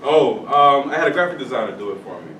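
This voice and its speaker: A man's voice: mid-range voice, expressive, quick pace. A young man giving an upbeat motivational talk at a school career day, bantering with the class in call-and-response. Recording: echoey room, distant camera, noisy.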